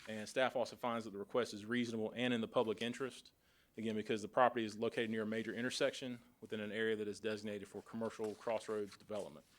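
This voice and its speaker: A man's voice: lowish voice, quick pace. A man from county planning staff presenting a formal report at a public board meeting. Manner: steady, procedural, reads from a report.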